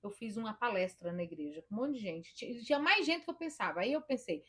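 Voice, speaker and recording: A woman's voice: a little high, expressive, quick pace, fairly bright tone, husky. A woman therapist with a Brazilian Portuguese accent giving emphatic, demonstrative advice straight to the viewer. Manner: emphatic, demonstrative, quotes her own inner voice. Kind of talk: direct-to-camera advice talk.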